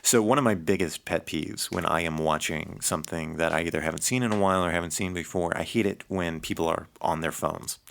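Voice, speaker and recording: A man's voice: low-pitched, brisk, vocal fry, few pauses, fairly bright tone. A man co-hosting a casual podcast, talking through a film in a laid-back, wry way. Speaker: podcast co-host. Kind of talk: casual movie review chat.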